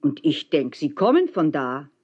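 A stubborn old bargeman bellows and grumbles in blunt bursts, as a woman reads him aloud. He sounds loud and set in his ways, like a figure in a storybook. The audio is a little dull. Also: deep voice, big pitch swings, a little slow, breathy edge, voice pushed down, full character voice. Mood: bellowing.

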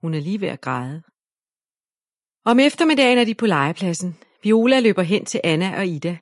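A woman reading a children's story aloud in a gentle, even narration. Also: lowish voice, no room sound, studio quality.

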